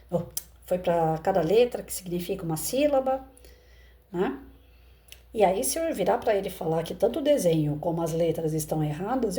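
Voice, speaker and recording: Brazilian woman teacher, warm low-key tone, chatty and explanatory. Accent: Brazilian Portuguese. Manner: conversational, explains with rhetorical questions. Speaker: educator. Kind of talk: reflective commentary on a parable.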